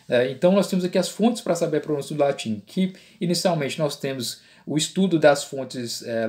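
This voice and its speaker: Brazilian man, Latin teacher, explanatory lecture, adds tag questions, somewhat high voice. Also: a little mellow. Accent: Brazilian Portuguese. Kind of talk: online lecture.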